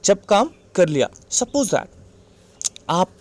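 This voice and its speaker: A male English teacher with an Indian accent walks through a grammar lesson step by step. He repeats each point patiently and keeps pausing to check that the class is following. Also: sits high, sing-song. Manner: patient, repetitive, checks in with "right?".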